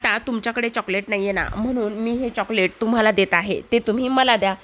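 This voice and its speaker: A woman's voice: a little high, fairly even intonation, quick pace, fairly bright tone, close to an everyday voice. A woman voicing a cheerful, playful young office worker in a serial recap.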